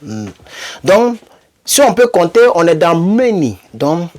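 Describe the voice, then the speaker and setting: A man's voice: on the high side, big pitch swings, takes it slowly, a little mellow. A man teaching an English lesson, explaining patiently and repeating words, his voice jumping up when he reads out example sentences.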